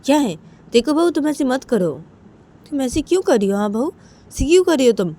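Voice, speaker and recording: Woman voicing a reproachful aunt, somewhat raised pitch, pleading questions, storybook telling. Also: animated, brisk, dark tone. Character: reproachful middle-aged aunt.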